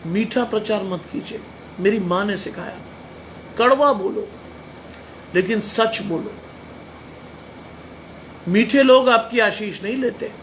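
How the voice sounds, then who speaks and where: Blunt high-voiced preacher. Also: male voice, slow pace, long pauses, a bit bright, a little hiss or hum. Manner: blunt, emphatic preaching with rhetorical questions. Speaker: pastor. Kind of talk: sermon.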